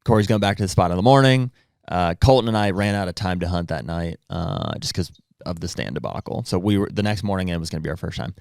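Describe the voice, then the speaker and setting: A man with a low, smooth and clear voice tells a long, rambling hunting story in casual podcast chat. He acts out what other people said along the way. The sound is close and dry. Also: animated, fast, darkish tone, no room sound. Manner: rambling anecdote with acted-out quotes. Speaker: hunting guide, podcast guest.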